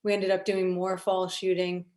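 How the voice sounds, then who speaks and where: A woman producer recounting a film shoot in a relaxed festival question-and-answer session, with light laughs. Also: fairly low pitch, moderate pace. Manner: storytelling, casual, light laughs. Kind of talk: festival Q&A conversation.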